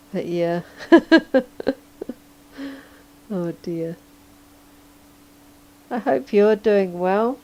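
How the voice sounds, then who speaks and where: A hoarse, sleepy woman rambles through a casual livestream chat as she draws, chuckling often. Her voice is gravelly and mellow, and she talks in an unhurried drawl. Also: medium pitch, dull audio. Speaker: livestreaming digital artist.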